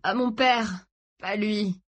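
Frantic young man, put on by a female narrator: high, pleading cries, desperate. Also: slow pace. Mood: sobbing pleas. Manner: shouting desperately, sobbing pleas. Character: frantic young man, son losing his father.

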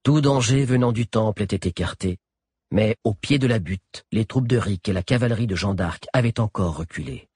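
Husky low-voiced male storyteller. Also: no echo, studio quality. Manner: expressive storytelling. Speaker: audiobook narrator. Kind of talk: scripted narration.

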